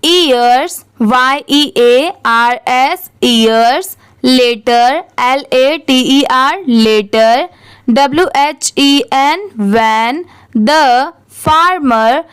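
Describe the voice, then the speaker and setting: High-voiced woman teaching slow spelling. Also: clear, resonant tone, no room sound. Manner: spells words letter by letter, then blends them slowly. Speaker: English reading teacher. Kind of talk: slow spelled-out reading lesson.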